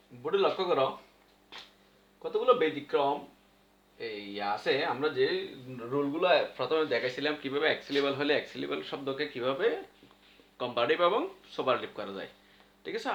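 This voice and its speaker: A man's voice: fairly high pitch, fairly bright tone. A male English teacher with a Bangladeshi Bengali accent, giving a classroom grammar lesson at a board and patiently repeating the rules. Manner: repeats rules patiently, asks and answers his own questions. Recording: echoey room, dull lo-fi sound.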